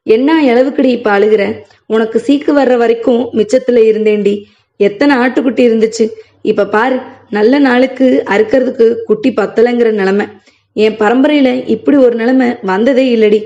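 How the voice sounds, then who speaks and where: A woman's voice: fairly high pitch, normal speed, warm tone, lightly acted. A woman reading as an angry older butcher. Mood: gruff, scolding. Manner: gruff, scolding, bitter. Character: angry older village goat butcher, a man. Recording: muffled lo-fi recording.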